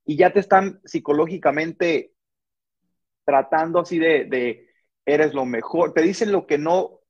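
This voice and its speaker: Earnest sergeant with a husky voice. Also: male voice, on the high side, a little slow, dull audio. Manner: earnest, explanatory, many restarts and hesitations. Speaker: army sergeant interviewed as guest. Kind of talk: conversational interview.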